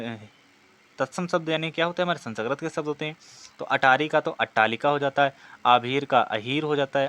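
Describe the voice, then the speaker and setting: In a fairly bright, medium-pitched voice, a male instructor runs an exam practice session. He reads out the questions, explains the answers in a teaching manner, and often answers the questions he poses.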